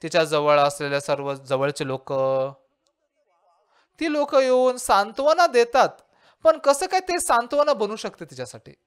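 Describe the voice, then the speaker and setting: A man's voice: extremely high pitch, very animated, normal speed, smooth. A male pastor preaching a sermon and asking his listeners rhetorical questions.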